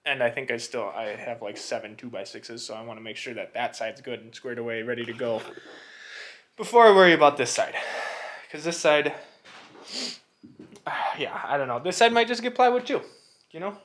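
A man speaks to camera in an old barn during a casual walkthrough of his DIY renovation, thinking aloud in a tentative way. His voice is medium-pitched, expressive and a bit bright, at a moderate pace, with slight background noise.

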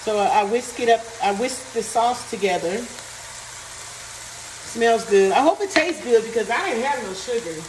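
A cooking vlogger chats casually in her home kitchen, thinking aloud and reading out recipe steps over the sizzle and stir of a pan. Her voice is on the high side and animated, at a moderate pace. The mic sits at a distance in an echoey kitchen, and frying noise comes through.

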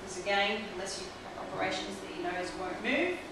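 A woman's voice: medium pitch, brisk. Woman teaching in an echoey clinic room. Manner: explains step by step while working on a client. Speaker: trichologist demonstrating a technique. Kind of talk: hands-on instructional demonstration. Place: small bright clinic room. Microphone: camera mic from across the room. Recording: roomy echo from a distant camera mic, clear background hiss.

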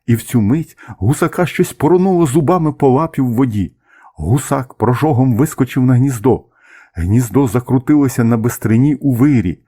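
A man narrating a children's story as an expressive, measured audiobook reading. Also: medium pitch, husky.

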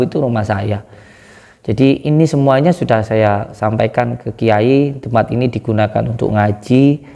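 A man giving a casual spoken account to a religious teacher, animated, his voice climbing high when he is indignant. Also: creaky. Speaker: guest speaking to a kiai. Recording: long hall reverb.

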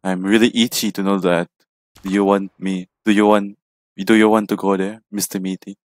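Male gamer, very low voice, playful let's-play banter to a sidekick character. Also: little pitch movement, normal speed, dry recording. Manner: jokey, chats to an in-game companion. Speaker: gamer playing a horror game.

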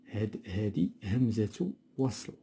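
Moroccan guy teaching a textbook lesson, dark mellow voice, kinda husky, repeats stuff slowly. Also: on the low side, lively intonation. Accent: Moroccan Arabic. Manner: explanatory, repeats words slowly, mixes dialect with standard Arabic.

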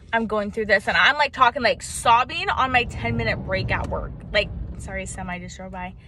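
A young woman vlogging relationship advice outdoors in the mountains, animated and chatty, speaking around braces. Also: mid-range voice, slight background noise. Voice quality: talks around braces, sucking back saliva. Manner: animated, chatty, lots of fillers. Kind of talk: casual talk to camera. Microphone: camera.

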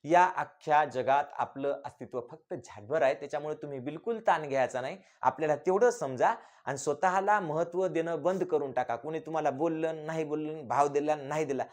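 A man from rural Maharashtra giving a brisk motivational talk. He speaks quickly in a somewhat high voice, firing off rhetorical questions and answering each one with emphasis.

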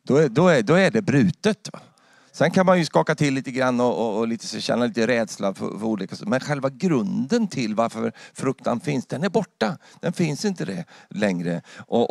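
A man with a Swedish accent preaching a sermon in a church, calling out halleluja and climbing to loud, fervent peaks. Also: lowish voice, gravelly, no echo. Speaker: pastor.

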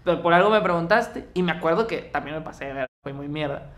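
A young man with a Mexican Spanish accent tells a personal story to a friend in loose, slang-heavy conversation. His voice sits high and sounds bright, almost sharp. He acts out the quoted lines as he goes. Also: fast talker. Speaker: podcast co-host. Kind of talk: casual storytelling chat.

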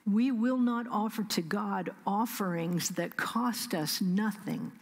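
A middle-aged woman pastor with a Midwestern American accent, preaching a sermon at a pulpit microphone, measured and emphatic, with slow pauses and soft whispered asides. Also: medium pitch, slightly rough. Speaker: senior pastor. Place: large church sanctuary. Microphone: pulpit stand mic. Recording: long church reverb.

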